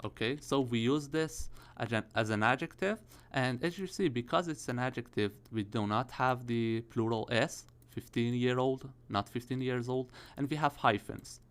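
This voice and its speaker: A man in his early thirties teaches English grammar for the IELTS exam, speaking at medium pitch and a moderate pace with hardly any pauses. His tone is clear and resonant, and he explains step by step, often checking in with "all right?" and "okay?".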